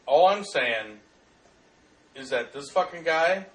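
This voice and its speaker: A man chatting casually with friends while watching a video, cracking loud, crude jokes and swearing. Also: on the high side, lively intonation, takes it slowly. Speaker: commentator. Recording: echoey room, far from mic.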